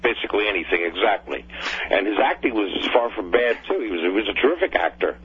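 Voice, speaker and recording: Older male phone caller from New Jersey, low voice, muffled line, hesitant and reminiscing. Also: big pitch swings, fast talker. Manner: hesitant, reminiscing, with many fillers and restarts. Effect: heard over the phone. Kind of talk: phoning in to a radio talk show. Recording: dull phone line with faint hum.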